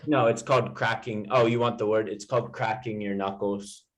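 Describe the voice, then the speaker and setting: A man's voice: lowish voice, fairly even intonation, moderate pace. A man tutoring English one to one, explaining informally with everyday examples. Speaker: English teacher.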